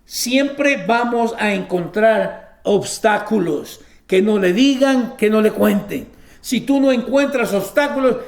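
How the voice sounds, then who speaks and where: A man's voice: very high voice, gravelly, reverberant. A man preaching a sermon, reading scripture aloud and breaking in with emphatic exclamations.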